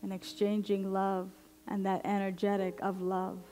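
A woman minister leading a guided affirmative prayer in slow, deliberate, meditative phrases with long pauses. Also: mid-range voice, completely flat delivery, mellow, soft background music, rough recording. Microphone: headset microphone.

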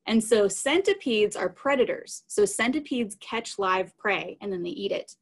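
A woman with a medium pitch, lively intonation and a measured pace explains things simply on a video call. As a science educator presenting live animals, she speaks plainly to children during an informal live talk that includes audience questions. She uses a computer mic in a small indoor room at home.

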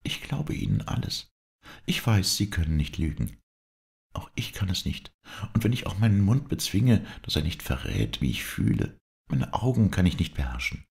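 A man with a deep voice voicing a tender, sorrowful young woman in an audiobook, speaking softly and pleadingly. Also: big pitch swings, moderate pace, creaky, full character voice. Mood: tearful joy.

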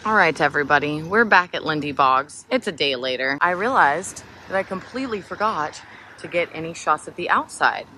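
A young woman with a low, chatty voice narrates her walk through a derelict hospital. She laughs easily between remarks, and her handheld camera adds a faint background hiss. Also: lively intonation, a little fast, sharp tone. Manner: chatty and giggly, laughs often. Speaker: urban explorer vlogger. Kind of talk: casual vlog narration. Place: abandoned hospital building.

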